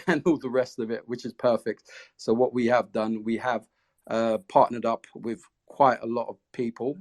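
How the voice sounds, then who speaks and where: A man's voice: medium pitch, a little mellow. A man talking casually in an interview, explaining the project he founded. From came to the UK as a child refugee.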